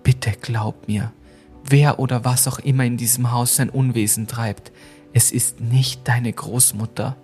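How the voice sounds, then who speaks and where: A man's voice: medium pitch, fairly even intonation, a little slow, a little mellow, soft background music, close to an everyday voice. A man voicing a frightened young woman in a spooky story, pleading and tearful. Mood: determined.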